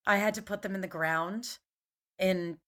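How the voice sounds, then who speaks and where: Bright-voiced chatty woman from Philadelphia. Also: medium pitch, steady tone, unhurried. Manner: chatty, many fillers and restarts. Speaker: podcast guest. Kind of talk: casual conversation.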